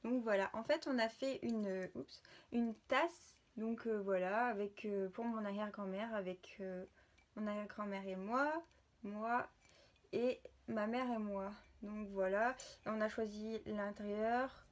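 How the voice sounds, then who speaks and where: A woman's voice: mid-range voice, fairly even intonation, measured pace. A young woman in a casual vlog, presenting gift ideas to her viewers in an informal, chatty way, often hesitating and restarting her sentences. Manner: hesitant, many filler sounds and restarts. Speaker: vlogger.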